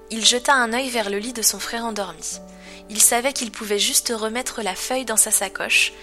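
A woman narrates a story aloud in a calm, even way. Her voice is fairly high and bright. Faint music plays behind her.

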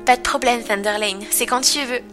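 A woman's voice: a little high, steady tone, moderate pace, music in the background, close to an everyday voice. A woman voicing a generous, motherly mare in a storybook reading. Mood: friendly.

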